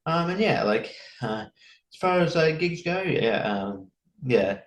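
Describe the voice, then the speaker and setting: A man, a comedian guest chatting casually on a podcast in a halting, rambling way with many restarts. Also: on the high side, sing-song. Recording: roomy echo.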